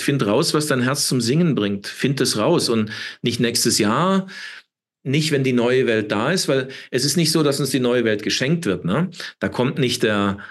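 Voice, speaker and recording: Husky fifties male guest, emphatic and preaching, rough-edged voice, mid pitch. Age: 50s. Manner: preachy, emphatic, repeats words and tags with "ne?". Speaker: interview guest. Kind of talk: impassioned interview talk.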